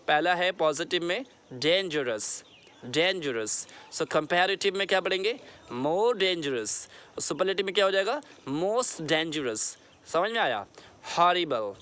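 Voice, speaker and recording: A man with an Indian English accent explaining a grammar lesson, repeating words slowly and checking that his students understand. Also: sits high, fairly bright tone. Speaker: English teacher.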